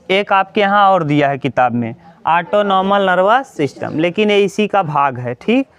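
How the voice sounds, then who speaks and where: High, smooth-voiced man teaching a class. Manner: asks the class questions and answers them himself. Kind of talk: classroom lecture.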